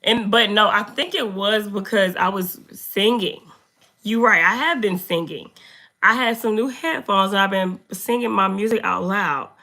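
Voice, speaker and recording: A young makeup streamer reads comments and chats loosely with her live viewers, drifting between topics at an unhurried pace. Her voice is hoarse and gravelly, low and slightly deep yet at an ordinary pitch, with a bright, slightly sharp tone.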